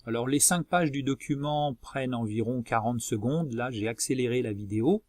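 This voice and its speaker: A man presenting a software tutorial as a screencast voice-over, explaining methodically step by step. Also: medium pitch, normal speed, no echo, clean studio sound. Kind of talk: instructional screencast narration.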